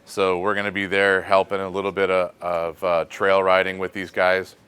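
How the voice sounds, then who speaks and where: A deep-voiced American man leads a laid-back shop chat. His voice is smooth and clear. He muses aloud and leans on easy fillers as he answers questions. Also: normal speed. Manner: relaxed, thinking aloud with fillers. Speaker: host of a shop question segment. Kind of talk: casual shop talk.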